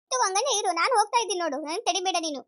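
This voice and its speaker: A woman's voice: very high-pitched, animated, rapid-fire, fairly bright tone. A woman voicing a fed-up young wife who complains and pleads, repeating herself.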